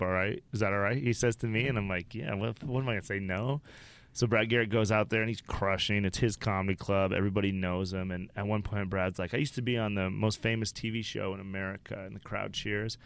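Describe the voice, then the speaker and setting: A stand-up comedian from Wyoming tells rambling, profane stories as a guest on a podcast in a casual interview. His voice is lowish and smooth.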